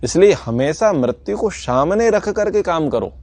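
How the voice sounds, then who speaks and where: A man's voice: on the high side, expressive, unhurried, a little mellow, no echo. A man teaching a scripture class in an earnest, sermon-like way, repeating his points for emphasis. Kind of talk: sermon-like lesson.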